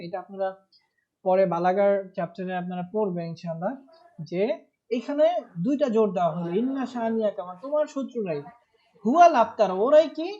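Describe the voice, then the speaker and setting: A man's voice: high-pitched, mellow. Patient man teaching grammar. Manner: patient, explanatory, stresses key words. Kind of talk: live online class lecture. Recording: muffled online class audio.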